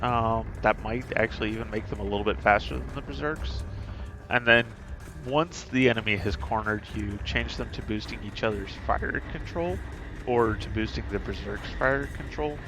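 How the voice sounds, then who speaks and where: A man talking casually through game strategy while streaming, thinking aloud with many pauses and fillers. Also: fairly low pitch, over music.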